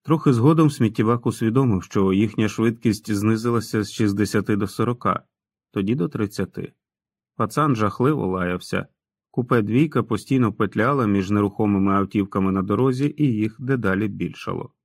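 A man's voice: fairly low pitch, a little fast, no echo. A man reading an audiobook in a dramatic, storytelling manner. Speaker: audiobook narrator. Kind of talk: scripted narration.

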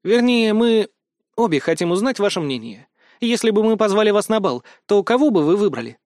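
A man's voice: high voice, very animated, brisk, a little mellow, no room sound, studio quality, voice pushed up. A man voicing a composed young blonde female student who talks in a stern, cool, reasoning way. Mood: earnest.

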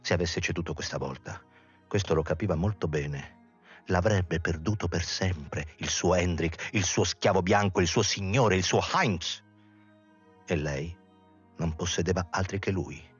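A man reading a novel aloud in a measured, dramatic storytelling manner with a husky voice. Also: low voice, dull audio, faint music behind. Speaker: reader. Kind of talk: literary audiobook reading.

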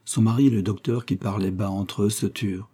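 Husky, low-voiced man narrating a story. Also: steady tone, a little fast, mellow. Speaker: audiobook narrator. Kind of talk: scripted literary narration.

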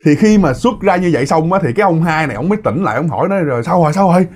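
A man's voice: a little high, expressive, racing. A man telling a ghost story in a casual, repetitive way with many fillers.

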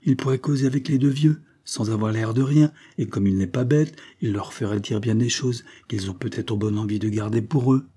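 A man reading aloud, voicing a gentle, sensible young woman who speaks in a soft, reassuring way. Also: mid-range voice, moderate pace, few pauses, slightly rough, natural voice.

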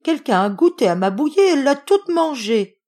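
Woman doing a squeaky tiny bear cub. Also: sing-song, moderate pace, a little mellow. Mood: whiny. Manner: squeaky, whimpering.

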